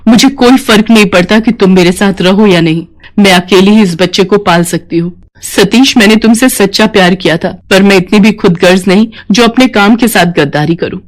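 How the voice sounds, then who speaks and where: A woman's voice: mid-range voice, close to an everyday voice. A principled young nurse speaks earnestly in a storybook drama, voiced by a woman. Her voice sits in a middle register, in emotional, outspoken dialogue.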